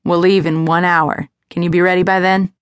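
A woman's voice: lowish voice, flat delivery, moderate pace, clear, resonant tone, no room sound, studio quality, close to an everyday voice. A woman voicing a curt domineering husband. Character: sleepy domineering husband, man.

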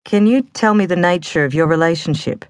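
A woman's voice: on the low side, brisk, dry recording, pitched above the performer's own voice, close to an everyday voice. Woman playing female police detective, polite, firm, businesslike, audiobook dialogue, dry sound.

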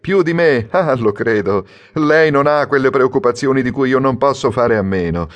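A man's voice: mid-range voice, animated, moderate pace, voice pushed up, close to an everyday voice. A man reading an audiobook, voicing a chatty, self-important landowner with a cold.

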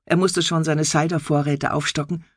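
A woman reading an audiobook, voicing a calm, unflustered young female office assistant. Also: low-pitched, moderate pace, husky, no room sound, clean studio sound.

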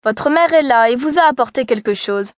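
A woman voicing a sly male wolf who fakes a sweet mother's voice, wheedling and a little rough, in a storybook reading. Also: high voice, animated, normal speed. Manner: wheedling and coaxing.

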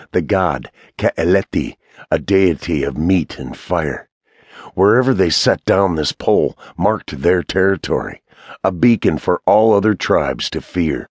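Male audiobook narrator, very deep and unhurried, husky, dry close studio sound. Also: dry recording. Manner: measured, even storytelling. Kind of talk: scripted fantasy audiobook narration.

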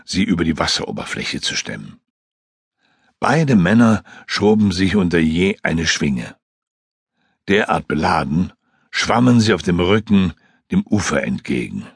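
A man narrating a fantasy audiobook in an unhurried, expressive storytelling manner. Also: low-pitched, creaky, breathy edge, no room sound, studio quality. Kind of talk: scripted narration.

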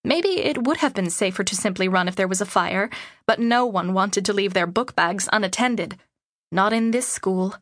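A woman reading a first-person young adult novel in measured storytelling narration on a studio mic. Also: medium pitch, a bit bright, no room sound. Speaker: audiobook narrator.

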